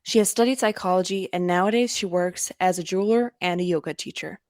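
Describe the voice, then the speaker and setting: A woman hosts a podcast, reading her introduction in a clear, measured way. Her voice sits slightly low, and the sound is dry and close. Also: a little mellow, no room sound. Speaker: podcast host. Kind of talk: scripted intro and interview questions.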